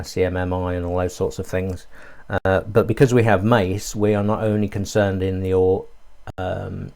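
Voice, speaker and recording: In a live online tutorial, a male course instructor with a low, slightly mellow voice explains his ideas step by step. He thinks aloud, using many fillers.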